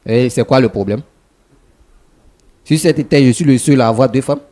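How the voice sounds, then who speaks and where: An actor playing a talk-show guest who calmly justifies taking his friend's wife and turns combative when challenged. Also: medium pitch, normal speed, no echo, natural voice. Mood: defiant. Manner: calm justifying, then combative.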